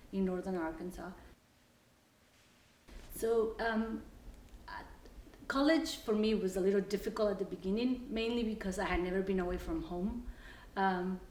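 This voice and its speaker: A woman's voice: medium pitch, darkish tone, a little hiss or hum. Salvadoran woman in an echoey house. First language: Spanish. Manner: hesitant, many fillers and restarts. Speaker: interviewee. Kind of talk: casual personal storytelling. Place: her house, walking from room to room. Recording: echoey room, faint ambience.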